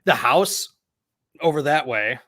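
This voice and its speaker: A man's voice: fairly high pitch, animated, slow pace, bright, forceful tone. A man hosting a casual livestream chat, rambling and sarcastic, talking from his home. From Milwaukee area. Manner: rambling, self-deprecating, sarcastic. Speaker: livestream host. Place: old house, home studio.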